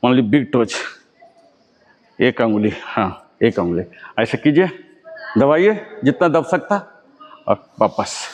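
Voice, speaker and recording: A man leading a yoga class. He gives step-by-step commands to the group and puts rhetorical questions to his students. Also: mid-range voice. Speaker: yoga instructor. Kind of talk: guided exercise class. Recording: long reverb.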